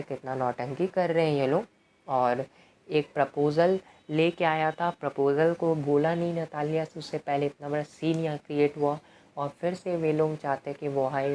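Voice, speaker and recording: Low, mellow-voiced woman tutor explaining a play. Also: slight background noise. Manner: reads play lines aloud, then explains them conversationally. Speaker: English literature tutor. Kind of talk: explaining a play in Hindi with English quotes.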